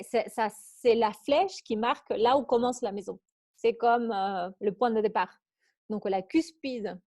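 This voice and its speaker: A woman's voice: mid-range voice, darkish tone, no room sound, clean studio sound. A woman with an accent teaching an online astrology workshop. She talks in a chatty way, reads out questions from participants and laughs easily. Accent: foreign accent. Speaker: astrology coach.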